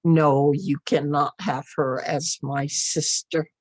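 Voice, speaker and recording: A woman's voice: deep voice, little pitch movement, takes it slowly, no echo. A woman storyteller voicing a possessive eldest brother, a young man, in an insistent way, in a traditional story.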